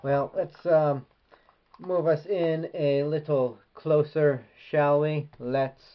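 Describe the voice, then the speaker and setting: A man's voice: fairly high pitch, steady tone, slow pace, dull audio. A man reviewing an action figure in a casual, rambling way with many hesitations. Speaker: toy collector reviewer.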